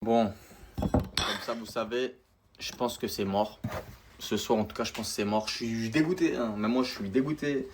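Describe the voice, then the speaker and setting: A man's voice: mid-range voice, steady tone, normal speed, a little hiss or hum. A young man talking casually into his vlog, slangy and rambling as he vents. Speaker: vlogger.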